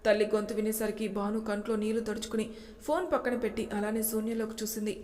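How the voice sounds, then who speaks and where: A woman narrating a romance story in a steady, expressive reading. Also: mid-range voice, quick pace, big-room sound.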